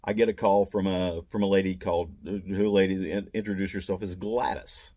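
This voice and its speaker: Low-voiced older man telling a grievance. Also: little pitch movement, fairly quick, mellow. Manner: plain-spoken, meandering, aggrieved. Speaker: mall booth vendor. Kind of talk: casual first-person storytelling.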